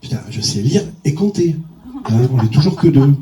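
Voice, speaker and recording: A man's voice: a little high, lively intonation, moderate pace, reverberant, far from the mic, very noisy. A stand-up comedian man telling a crude story on stage, with a bawdy, punchy delivery and sudden jumps in his voice.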